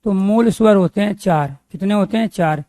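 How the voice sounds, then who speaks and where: A man's voice: high-pitched, normal speed, mellow, no echo, clean studio sound. A man teaching a grammar lesson, asking questions and answering them himself, repeating key terms so they stick.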